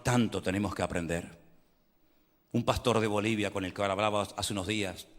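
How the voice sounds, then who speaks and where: An older man, preaching a sermon as pastor, moving between fervent appeals and hushed prayer. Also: mid-range voice, big-room sound. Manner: impassioned preaching, swinging from loud to hushed prayer.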